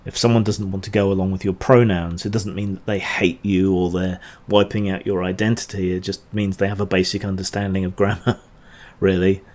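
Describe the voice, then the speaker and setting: A man's voice: sits low, flat delivery, fairly quick, few pauses, a little mellow. A man answering chat questions on a casual livestream, rambling and hesitant with dry asides.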